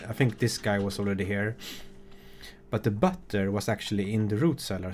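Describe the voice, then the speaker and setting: A man, a game developer, giving relaxed, halting commentary on his own game with an amused tone. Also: fairly low pitch.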